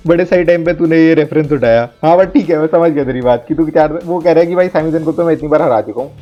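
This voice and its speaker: A man co-hosting a casual wrestling review chat, laughing often and agreeing with quick short replies. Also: a little high, dull audio, faint music behind. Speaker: podcast co-host.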